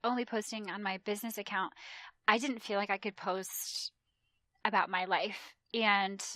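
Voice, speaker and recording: Chatty woman in her 30s, bright sharp voice, super dry close sound. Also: mid-range voice, normal speed, dry recording. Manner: chatty and animated, mimics voices in retold quotes. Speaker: podcast guest, travel agent. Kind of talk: casual conversational interview.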